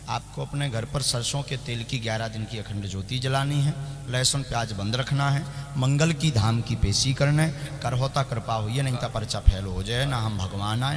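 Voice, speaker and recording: A man addresses a crowd of devotees, ordering them to sit and make way in a firm, blunt tone. His voice rings out through loudspeakers with a long trailing reverb. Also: medium pitch. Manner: commanding, directs the crowd bluntly. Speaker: spiritual leader addressing devotees. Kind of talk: religious court session before a crowd.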